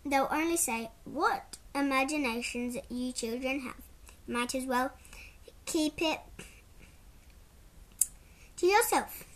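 A woman's voice: sits high, takes it slowly, pauses often, a little hiss or hum. A woman voicing a lazy, wry male dragon in a storybook, in an unbothered, teasing way. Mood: drowsy, wry.

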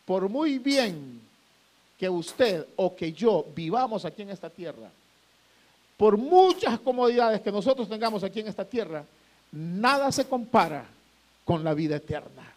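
A pastor with a strikingly high voice preaches a sermon. He stretches out key phrases and climbs to forceful emphatic peaks, then drops low on the words addressing his congregation. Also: sing-song, unhurried.

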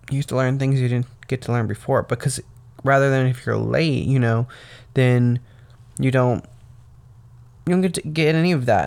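A young man rambles through a casual solo podcast of his own, meandering and saying "um" and "like" constantly. His voice is gravelly and a bit raspy, sitting in an ordinary middle male range, and he sounds worn out from waking before dawn.

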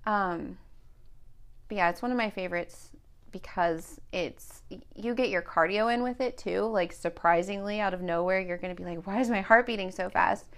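A woman's voice: lowish voice, moderate pace. A woman who teaches group exercise classes, chatting casually on a podcast and quoting what she tells her class. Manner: chatty, quotes herself telling people what to do.

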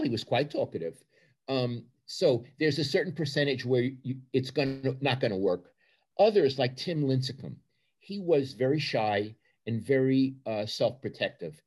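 A man's voice: medium pitch, husky. An older man with a Brooklyn accent answering interview questions as a sports journalist, with emphatic repetition and short punchy phrases.

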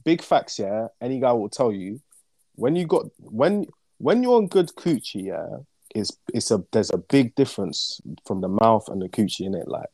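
A man's voice: lowish voice, sing-song, moderate pace, mellow, breathy edge, dry recording. A young man with a London roadman accent and urban slang, chatting casually as a podcast co-host and peppering his talk with tag questions. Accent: London, urban multicultural slang (roadman). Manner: slangy, tag questions like "innit", "you get me". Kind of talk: casual chat.

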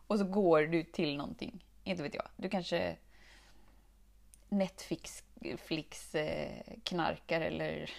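A woman's voice: lowish voice, darkish tone. A woman with a Swedish accent hosting a casual solo podcast, talking animatedly, laughing often and acting out her own thoughts. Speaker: podcast host.

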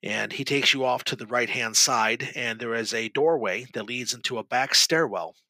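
A man narrating a tabletop game as game master, in steady, descriptive storytelling. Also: mid-range voice, moderate pace, no room sound, rough recording.

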